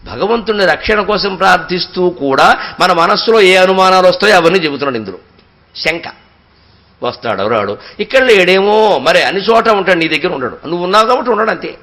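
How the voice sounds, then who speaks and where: A man giving a devotional discourse, telling stories expressively and chanting verses slowly and at length. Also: high voice. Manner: expressive storytelling, slow drawn-out verse recitation. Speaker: spiritual discourse speaker.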